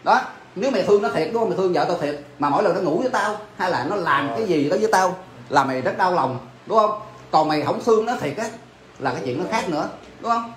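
Casting: a man as a betrayed husband, high voice, rapid-fire lecturing, echoey room. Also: expressive, slight background noise. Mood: heated. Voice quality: rapid, insistent, keeps demanding agreement. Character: wounded, scornful husband, middle-aged man. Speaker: husband confronting his cheating wife. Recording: echoey room with faint ambience.

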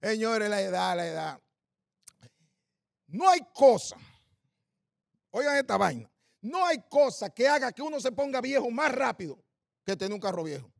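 Dominican male comic, high gravelly voice, punchy crude storytelling, dry close sound. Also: big pitch swings, moderate pace, long pauses, no room sound. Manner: punchy storytelling with coarse slang, quizzing the audience. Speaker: stand-up comedian. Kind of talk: stand-up comedy. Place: live comedy stage.

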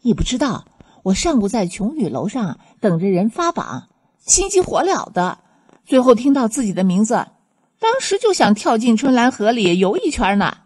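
A giddy, boastful young scholar bursts out in high exclamations, as a woman narrator puts him on. The voice leaps around with a soft, breathy texture. An audiobook character read in a storybook manner. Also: sing-song, moderate pace. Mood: gleeful. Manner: breathless, exclaiming, laughing through words.

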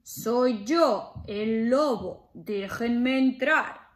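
A woman voicing a loud, menacing male wolf in a children's story, drawing out her threats. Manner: booming, drawn-out threats.

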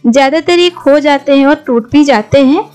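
Friendly kitchen tips come from a middle-aged Indian woman whose high voice moves at a moderate pace. Recorded as a voice-over for her home cooking channel with soft music behind it, she mixes English words into her Hindi.

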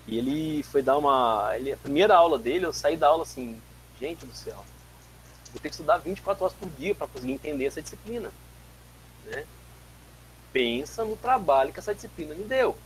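Speaking fairly quickly in a slightly high voice, a Brazilian man in his forties guest-lectures on physics from his home office via video call. He is animated and gestures often, restarting repeatedly as he tells stories. The webcam mic yields low-quality sound with a slight hiss or hum.

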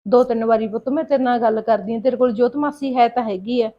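A woman plays a worried mother, coaxing and pleading with soft persistence. Her voice is high, and the recording sounds dull and lo-fi. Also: quick pace, lightly acted. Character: young mother, soothing and worried. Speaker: mother in a family skit.

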